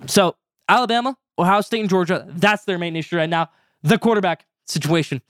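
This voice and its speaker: A teenage boy runs his own sports podcast alone, rattling through segments at a fast clip with a high, youthful voice. He gets hyped and drags out segment titles, and the recording is dry and close, with no room sound. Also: no room sound. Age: teens. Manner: energetic, stretches out segment names with excitement. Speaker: podcast host. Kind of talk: solo sports podcast commentary.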